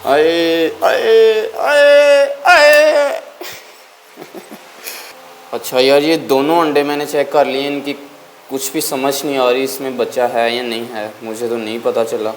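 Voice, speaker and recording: A man's voice: mid-range voice, flat delivery, moderate pace, slight background noise. A man casually chatting to his viewers while tending his pet birds at home, talking to them and coaxing them along. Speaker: bird-keeping vlogger. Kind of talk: casual vlog chat. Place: at home, among bird cages.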